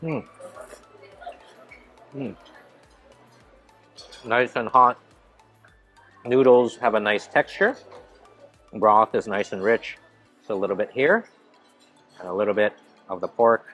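A man's voice: lowish voice, slow, pauses often, a bit bright, soft background music. Enthusiastic man vlogging at a buffet. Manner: enthusiastic, narrates each dish as he eats. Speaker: food vlogger. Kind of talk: casual food vlog narration. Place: large indoor hotel buffet restaurant. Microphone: handheld camera at arm's length.

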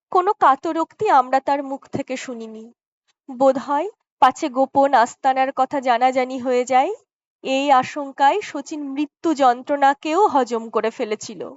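Gentle earnest revolutionary man, read by a woman. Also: sits high, dry recording, pitched above the performer's own voice. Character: earnest male revolutionary elder brother, gentle. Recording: dry, slightly dull lo-fi recording.

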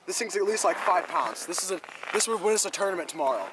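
A young man vlogging excitedly about ice fishing to his viewers, whom he calls "boys", from his truck and out on a frozen lake. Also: sits high, fast talker, noisy background. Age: young adult. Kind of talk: casual vlog chat. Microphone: camera on the dash or held at arm's length.

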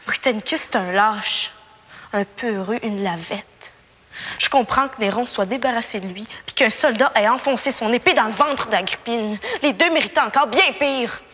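High-voiced, intense Quebec schoolgirl. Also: moderate pace, bright, forceful tone. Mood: defiant. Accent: Quebec French. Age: young adult. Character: defiant, troubled convent schoolgirl. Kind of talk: television period drama acting. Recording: reverberant room, faint noise.

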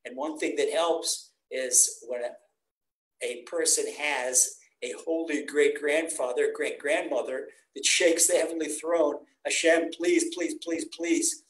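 An older man teaching a Torah class from home over a video call, his voice sitting rather high for a man. He preaches earnestly and with energy, acting out the people he quotes. The webcam sound carries a roomy echo. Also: slight background noise. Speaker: rabbi teaching a weekly class.

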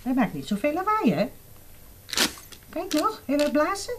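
A woman's voice: sits high, noisy background. A woman from the Netherlands reading a picture book aloud to young children, asking them questions as she goes. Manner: slow, expressive, asks the children questions. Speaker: children's story reader.

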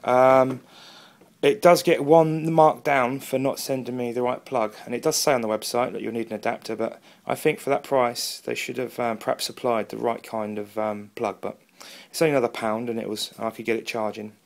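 A man with an English accent, an amateur radio enthusiast who makes review videos, talks casually about a product and radio while seated off camera at a wooden table indoors. He rambles slightly and is self-deprecating, speaking at a moderate pace in a steady, gravelly, medium-pitched voice.

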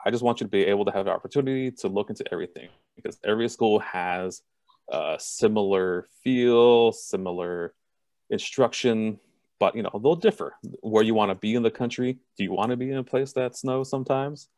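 A man from Southern California runs an online admissions session over a video call. His voice sits low and close and dry, with no room around it. He talks in an even, self-described monotone and is blunt about what he thinks. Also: brisk, no room sound. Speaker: college admissions representative. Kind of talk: online information session presentation.

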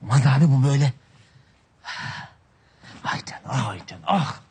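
A man's voice: medium pitch, lively intonation, moderate pace, dark tone, breathy edge. An actor playing a scheming, lazy man who wheedles his wife and brother with melodramatic complaints. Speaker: actor in a TV comedy series.

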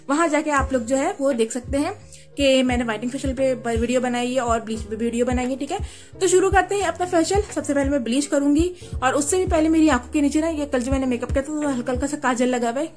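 A young woman with a high, light voice speaks through a cloth veil. Her casual beauty-review chat is full of small check-ins with the listener. Soft music plays faintly under her voice. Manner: chatty, keeps adding "ठीक है". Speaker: beauty vlogger. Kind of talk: casual product review and tutorial.

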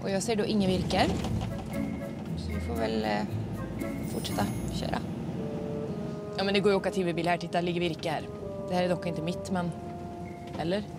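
A woman's voice: on the low side, long pauses. A young woman with a Swedish accent, a timber truck driver thinking aloud in a reality show, swearing under stress. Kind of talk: reality TV commentary. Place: truck cab. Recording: music playing underneath.

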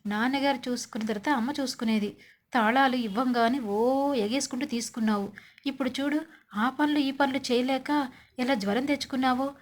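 A woman's voice: sits high, steady tone, fairly quick. A woman doing a lecturing young husband. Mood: scolding. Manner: concerned, lecturing. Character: young husband, worried then scolding.

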